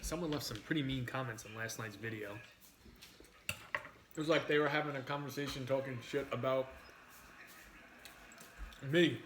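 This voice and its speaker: A man's voice: medium pitch, normal speed, pauses often, noisy background. A man hosting a casual livestream over a meal, talking in a frank, sweary way. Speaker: livestream host.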